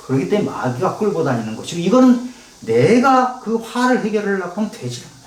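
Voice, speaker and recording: A man's voice: sits high, fairly quick. A male pastor preaching a sermon, acting out heated prayers and asking the congregation questions. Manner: animated, acts out heated prayers to God. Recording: echoey room, voice from a distance.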